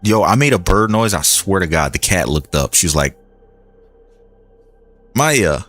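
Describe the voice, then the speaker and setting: A man's voice: low-pitched, expressive, fairly quick, a bit bright. A young man streaming a game and chatting in a loose, rambling way, full of restarts and "like". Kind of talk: casual gaming commentary.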